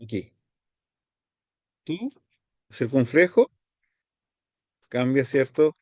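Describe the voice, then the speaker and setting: A male teacher talks through a Greek grammar lesson. He goes step by step and repeats each word form slowly. The sound is dry and close, with no room echo. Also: mid-range voice, expressive, darkish tone. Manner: explains step by step, repeats words slowly, pauses to find his page.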